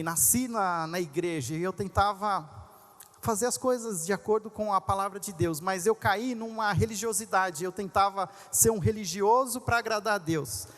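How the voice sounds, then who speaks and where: A man pastor telling a personal story in a sermon, animated and conversational, with asides to the crowd. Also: high voice. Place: large congress hall. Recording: long reverb of a large hall.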